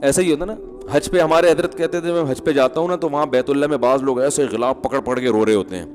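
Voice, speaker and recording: A man's voice: medium pitch, darkish tone, long reverb tail, soft background music. A man giving a humorous, conversational sermon as an Islamic preacher, with chuckling asides.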